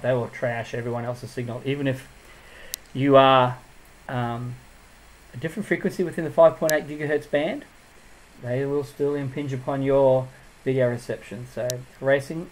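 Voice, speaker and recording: A man's voice: mid-range voice, slight background noise, low-quality recording. A man giving a casual hands-on tutorial as he builds a drone, thinking aloud and drifting into asides.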